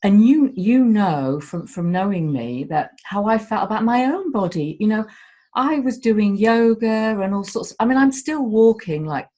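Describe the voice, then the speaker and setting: A woman's voice: mid-range voice, expressive, a little slow, dark tone. A woman speaking as a guest in a candid conversation, heartfelt and emotional, swearing casually as she talks.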